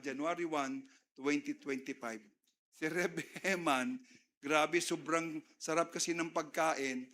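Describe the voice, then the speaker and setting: A man's voice: a little high, pushed and bright. A middle-aged man with a Filipino accent, preaching a sermon and mixing Tagalog and English, with call-and-response asides to the congregation. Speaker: pastor.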